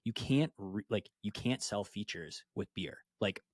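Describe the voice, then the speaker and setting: A man's voice: fairly low pitch, a little slow, slightly rough, no room sound, clean studio sound. Laid-back man hosting a podcast. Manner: casual, filler-heavy, says "like" constantly. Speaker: podcast host. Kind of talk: casual podcast interview.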